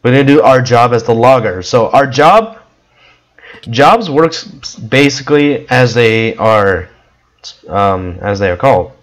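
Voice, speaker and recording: Guy w a croaky half-gone voice chatting over his game, mid pitch, lots of um and uh. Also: animated, a little slow, poor audio. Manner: rambling, with frequent ums and restarts. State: hoarse, losing his voice, coughing now and then. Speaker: gameplay video creator. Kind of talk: casual gameplay commentary.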